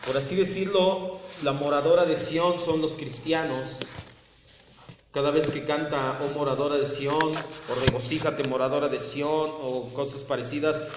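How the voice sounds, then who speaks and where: Pastor preaching in an echoey hall. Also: male voice, on the high side, fairly even intonation, unhurried. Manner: conversational preaching, joking asides, rising to loud emphatic scripture reading. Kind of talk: sermon. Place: church sanctuary. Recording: echoey church hall, faint noise.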